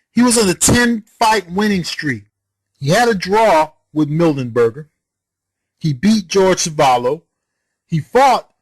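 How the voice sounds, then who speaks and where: A man's voice: high-pitched, a bit bright, low-quality recording. A man ranting in a heated response video about boxing history, arguing and firing off rhetorical questions, swearing and scolding his viewer. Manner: argumentative, fires rhetorical questions. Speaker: boxing commentator.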